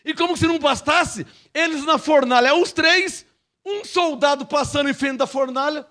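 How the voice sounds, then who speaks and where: Pastor guy preaching, bright sharp voice, does little voices for the bible characters. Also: extremely high pitch, moderate pace. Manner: preaching with acted-out Bible dialogue. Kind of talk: sermon.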